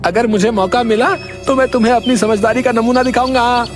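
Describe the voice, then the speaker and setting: A voice actor playing a foolish, dim-witted village husband in a cartoon, whiny and silly, often crying out. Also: male voice, extremely high pitch, fairly even intonation, brisk. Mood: boastful. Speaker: comic lead. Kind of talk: cartoon voice acting. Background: background music.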